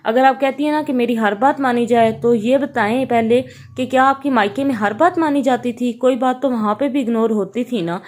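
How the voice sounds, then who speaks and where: A young woman with a Pakistani Urdu accent talks straight to her viewers in a slightly high voice. She gives earnest, patient advice and circles back over the same points, dropping casual English words in as she goes. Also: few pauses, a little mellow. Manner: earnest, repetitive advising with everyday English words mixed in. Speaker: vlogger giving family advice. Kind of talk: casual advice talk to camera.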